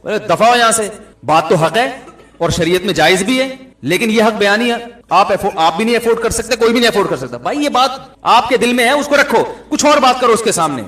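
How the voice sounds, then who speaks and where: A middle-aged man preaches in a lively, joking storytelling manner. His voice sits fairly high. The sound carries a roomy echo. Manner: lively storytelling with humor, often chuckling. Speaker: Islamic preacher. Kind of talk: Urdu religious talk with anecdotes.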